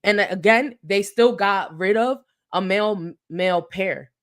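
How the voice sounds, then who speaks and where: A woman co-hosting a reality TV recap show, chatting casually with a friend. She talks animatedly and slips into quick impressions of the people she describes. Her voice sits at a middle pitch. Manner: animated, acts out quotes. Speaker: podcast co-host.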